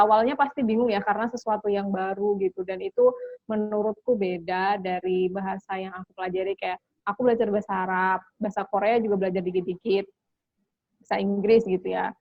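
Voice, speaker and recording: A woman's voice: medium pitch, no echo. A young woman from Indonesia telling her story as an interview guest, chatty, with lots of fillers and English phrases mixed in. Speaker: interview guest, scholarship graduate. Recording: dull lo-fi dry recording.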